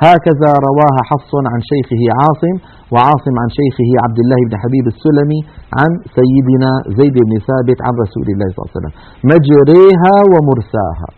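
Male recitation teacher, brisk lesson delivery, demonstrates sounds aloud, tinny lo-fi audio. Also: mid-range voice. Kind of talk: explanatory religious lesson. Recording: narrow phone-like audio.

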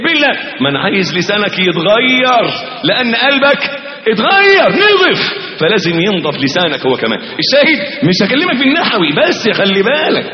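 A man's voice: sits high, very animated, a little fast. A man with an Egyptian accent preaching a sermon, firing rhetorical questions and acting out both sides of imagined dialogues. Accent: Egyptian Arabic. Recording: echoey hall, dull lo-fi sound.

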